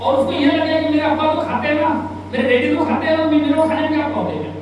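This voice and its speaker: A man's voice: very high voice, fast, slight background noise. A man giving a motivational anti-drug awareness talk in a large hall, telling stories and asking the audience rhetorical questions, recorded from far off.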